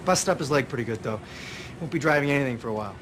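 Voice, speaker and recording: A man's voice: mid-range voice, animated, racing, close to an everyday voice. A man playing a laid-back, dry local guy. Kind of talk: film acting. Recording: film dialogue with clear background noise.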